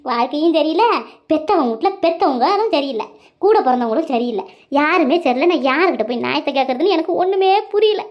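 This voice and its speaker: A middle-aged cartoon wife who wails and complains at length, her voice pitched very high. She talks fast, and the sound is dull and lo-fi. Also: lively intonation. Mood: complaining. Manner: crying, lamenting loudly, calling on God. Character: wailing middle-aged village wife, self-pitying. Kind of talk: cartoon comedy dialogue.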